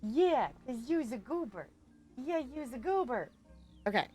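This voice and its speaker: Over background music, a woman live streams a game and chats casually, rambling in a playful, self-deprecating way. Her high, mellow voice is very animated yet unhurried.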